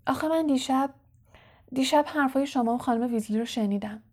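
A woman reading aloud plays a teenage boy who talks fast and quietly, trying to reassure. The voice sits fairly high in a storybook reading. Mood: earnest. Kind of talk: audiobook character voice.

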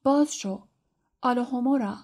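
A woman's voice: a little high, a little mellow, natural voice. Hermione, a woman playing a bossy schoolgirl. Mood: scolding. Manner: scolding, reproachful. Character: bossy, clever schoolgirl, breathless.

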